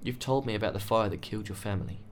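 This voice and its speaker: Man reading as a quiet, earnest ally. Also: lowish voice, racing, slight background noise, natural voice.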